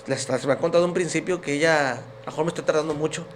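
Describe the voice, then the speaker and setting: A man's voice: fairly high pitch, fast talker, slight background noise. A man giving his personal faith testimony as a podcast guest, telling his story in an earnest, emotional way.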